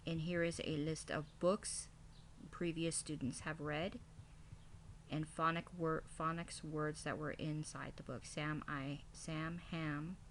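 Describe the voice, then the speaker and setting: Female teacher, low voice, scripted classroom presentation delivered item by item, slightly noisy home-made recording. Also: level tone, takes it slowly. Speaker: kindergarten teacher. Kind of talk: scripted presentation, reading out a lesson plan.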